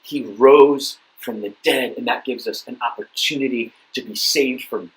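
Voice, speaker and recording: A young man speaking to a youth group, easygoing and chatty, with a middle-pitched voice. He tells his story loosely, stumbling over and repeating words before he moves on to his point. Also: unhurried, rough recording. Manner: casual storytelling, many fillers and repeated words. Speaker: youth pastor. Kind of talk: youth talk sermon with personal story.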